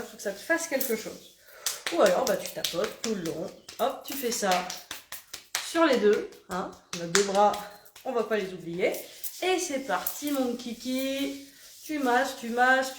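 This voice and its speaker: Chatty woman coach with a fake southern french accent, guiding self-massage, a bit high, roomy echo. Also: fairly bright tone, a little hiss or hum. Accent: put-on southern French. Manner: chatty, playful, laughs at herself. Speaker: body coach. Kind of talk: guided self-massage routine.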